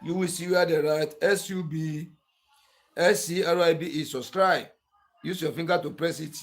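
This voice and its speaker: A man's voice: on the high side, steady tone, moderate pace. A man with a Nigerian accent hosting a sharpening tutorial, talking in an earnest, repetitive, pleading way. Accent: Nigerian English. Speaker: clipper-blade sharpening tutor and channel host. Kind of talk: tutorial narration.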